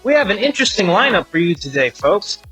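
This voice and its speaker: A man voicing an excitable puppet host, announcing a talent show like a big showman. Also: sits high, fast, breathy edge, faint music behind, heavily acted, poor audio. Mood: excited.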